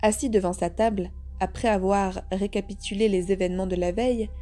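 A woman reading a detective novel aloud in a measured, even way. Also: mid-range voice, soft background music. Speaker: audiobook reader. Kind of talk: scripted narration.

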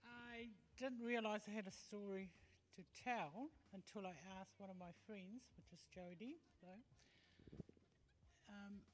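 Tongan-born woman in her 50s, halting with lots of ums, on a handheld mic in a big echoey hall. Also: mid-range voice, a little hiss or hum. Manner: hesitant, halting with many fillers. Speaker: guest. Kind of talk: on-stage interview. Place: large hall with stage and audience. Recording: long hall reverb.

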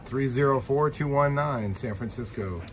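Through loud static on radio audio, a man at his home station calls out call signs at a moderate pace in a mid-range voice. This CB radio operator uses a clipped radio cadence.

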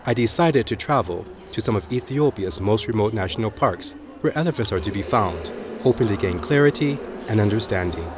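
A man's voice: on the low side, lively intonation, a little fast, few pauses, background noise. A man reading scripted narration for a nature documentary. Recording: music behind the voice. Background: background music.

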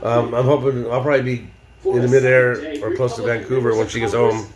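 A man's voice: mid-range voice, level tone, fairly quick. Older man rambling over crowd noise. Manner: rambling, with frequent ums and restarts. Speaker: vlogger. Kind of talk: casual video diary chat. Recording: busy crowd noise behind.

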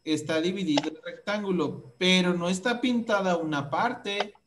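A woman's voice: fairly low pitch, moderate pace, a little hiss or hum. A Mexican woman teaching a math lesson to young children, asking questions patiently.

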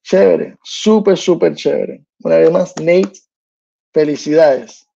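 This slow-talking man from New Jersey, in his thirties, has a high-leaning, creaky, mellow, slightly rough voice as he casually riffs on sports alone, loose and slangy. The muffled recording comes from a small room indoors.

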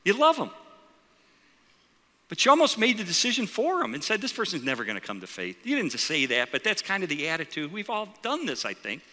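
Male pastor, middle-aged, sermon storytelling; high, very bright voice with long hall reverb. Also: a little fast. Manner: animated, acts out quoted voices, rhetorical questions. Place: large church auditorium. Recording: reverberant auditorium.

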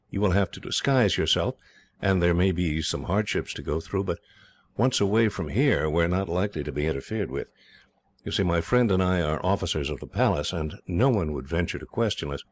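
A man reads the part of a hearty young English officer in a very deep, steady voice. The officer comes across as cheerful and reassuring, calmly laying out plans like a storybook hero.

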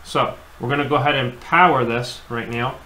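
This HVAC technician talks at a moderate pace in a mid-range voice that sounds pushed and bright. He's showing his work at the bench, speaking plainly with frequent fillers and repetition, while the echoey room carries a faint background hum.

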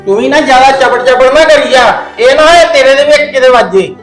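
A man's voice: very high voice, fast, reverberant, faint music behind. A man playing a proud, stern village father who scolds his grown daughters harshly. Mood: angry. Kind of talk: domestic drama acting.

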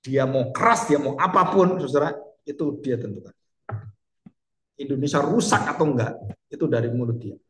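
A man's voice: mid-range voice, moderate pace, a bit bright. Emphatic male pastor in an echoey hall. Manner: emphatic, rhetorical questions, addresses the congregation. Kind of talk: sermon.

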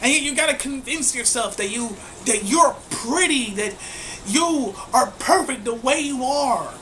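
Crude, scornful high-voiced woman commentator. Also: animated, a little slow, a bit bright, rough recording. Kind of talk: mocking reaction commentary.

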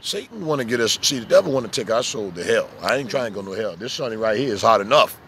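A man preaching casually outdoors as a street preacher, telling animated stories and acting out little voices. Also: lowish voice, quick pace, a little hiss or hum. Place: outdoors in the sun.

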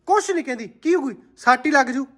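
Woman family vlogger, coaxing repetitive delivery, somewhat high voice. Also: lively intonation, quick pace, fairly bright tone, a little hiss or hum. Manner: coaxing, repeats herself, laughs often. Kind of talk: casual family vlog chat.

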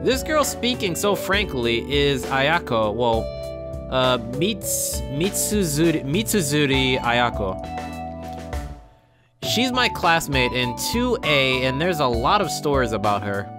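A young man plays through a game and reads its story text aloud, reacting informally as a let's player. His medium-pitched voice swings widely in pitch and moves slowly, with game music underneath.

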